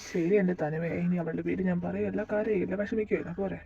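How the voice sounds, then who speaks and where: A man voicing a heartbroken, gentle young man in an amateur audio drama. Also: high voice, steady tone, a little fast, vocal fry, slightly rough, muffled recording, full character voice. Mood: playful. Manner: soft, resigned.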